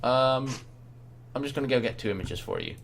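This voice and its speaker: A man runs a tabletop game with casual, halting narration. His pitch is average for a man, and there is faint noise behind him. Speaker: game master.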